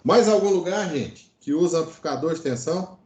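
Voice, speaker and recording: A Brazilian man teaches an informal online class in a fairly high voice. His intonation is very animated, and he keeps checking that listeners follow. The room adds a noticeable echo. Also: fairly quick. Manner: explanatory, peppered with check-in tags. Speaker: electronics teacher. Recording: roomy, echoing online class audio.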